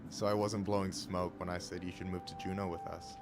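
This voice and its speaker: Low-voiced, easygoing young man, played by an actor. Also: flat delivery, a little fast, close to an everyday voice. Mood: sincere. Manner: casual, warm, teasing talk. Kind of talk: naturalistic video game voice acting. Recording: game dialogue over music.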